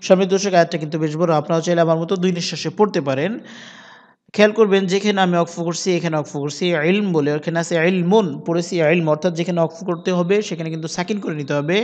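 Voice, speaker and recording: High-voiced man teaching Quran reading, reverberant. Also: fairly even intonation, a little mellow. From Bangladesh. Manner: spells letters and vowel marks aloud, then recites slowly with long drawn vowels. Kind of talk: spelled-out Quran reading lesson with tajweed.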